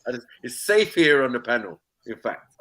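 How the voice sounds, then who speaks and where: A man's voice: medium pitch, sing-song, moderate pace, crowd noise. A young man hosting a casual online panel chat, slangy and laughing often. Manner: laid-back slangy banter, laughs often. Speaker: host.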